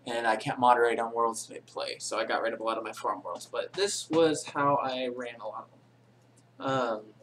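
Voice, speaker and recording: Narrating a screen-recorded game tutorial for his channel, a man speaks in a mid-range, fairly bright voice at normal speed with fairly even intonation. He rambles casually, dropping plenty of ums and correcting himself, and describes his voice as boring, with slight background noise behind him.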